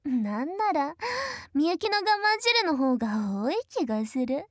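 A woman playing a bossy, sneering younger sister in an audio drama, her voice set high and swooping wildly up and down as she giggles and looks down on her brother. The recording is dry and close, with no room sound around her. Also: sing-song, unhurried, dry recording. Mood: taunting. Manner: taunting, condescending, frequent giggles. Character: mocking, domineering adult younger sister. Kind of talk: audio role-play drama.

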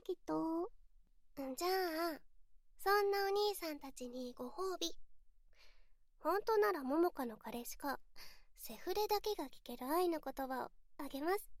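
A woman's voice: extremely high pitch, dry recording, studio quality. A woman voicing a bratty young female streamer who speaks sweetly and politely while mocking and insulting her viewers, in a voice drama role-play. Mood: smug.

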